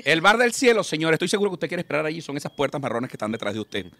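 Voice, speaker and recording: A man with a Venezuelan accent playing a calm, matter-of-fact male Saint Peter at heaven's gate. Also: a little high, rapid-fire, no room sound, full character voice. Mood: brisk.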